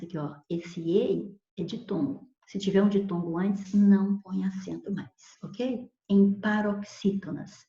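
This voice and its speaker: A woman's voice: medium pitch, mellow. A woman teacher explaining spelling rules patiently, repeating examples and checking in with "ok?". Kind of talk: recorded grammar lesson. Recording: echoey room, dull lo-fi sound.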